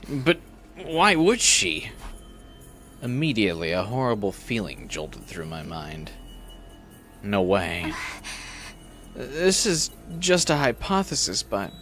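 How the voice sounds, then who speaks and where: A man's voice: lowish voice, sing-song, takes it slowly, long pauses, fairly bright tone, faint music behind. A man doing casual, irreverent game commentary and reading story text aloud, with some background noise. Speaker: gameplay streamer.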